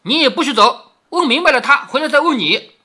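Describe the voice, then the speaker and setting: A man voicing a sharp-tongued young noblewoman, cold and scolding as she questions a servant. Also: extremely high pitch, animated, fairly quick, pitched above the performer's own voice, heavily acted.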